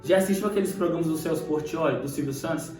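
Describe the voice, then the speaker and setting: A young man with a Brazilian Portuguese accent giving a casual, animated sermon to camera, acting out Bible scenes. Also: on the high side, fast talker, distant mic. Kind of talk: casual preaching video. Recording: echoey room, voice off-mic, faint music.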